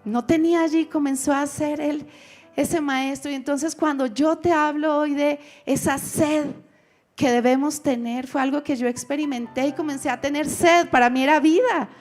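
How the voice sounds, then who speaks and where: High-voiced woman pastor telling her testimony. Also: fairly even intonation, moderate pace, darkish tone, faint music behind. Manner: storytelling, acts out her own past words. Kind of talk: testimony sermon at a conference.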